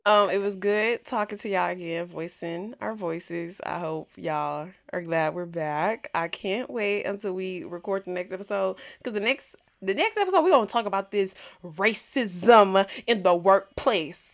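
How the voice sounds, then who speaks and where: A woman from Texas co-hosting a podcast in casual chat, blunt and joking, swinging between loud bursts and soft asides. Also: medium pitch, fairly even intonation, a little slow, vocal fry, few pauses. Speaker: podcast co-host.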